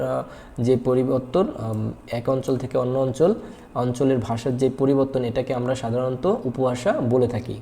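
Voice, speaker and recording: With a warm, medium-pitched voice, a man teaches grammar at a whiteboard. He is patient and repeats himself, asks his own questions and answers them, and fills his speech with hesitations.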